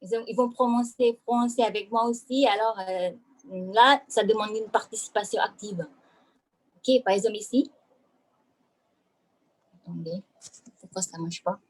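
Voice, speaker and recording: A woman's voice: mid-range voice, moderate pace, pauses often. A woman French teacher giving a hesitant online presentation over a video call, with many fillers and restarts.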